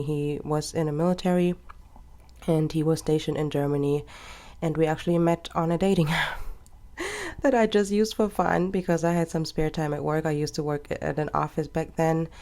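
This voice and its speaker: The low voice of a woman in her twenties runs at a normal speed with fairly even intonation. She's a planner vlogger chatting loosely and laughing softly as she decorates her planner.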